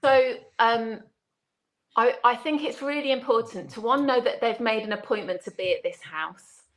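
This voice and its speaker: A woman guest in a casual discussion, telling things in an animated way with quick asides. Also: on the high side, poor audio. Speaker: podcast guest.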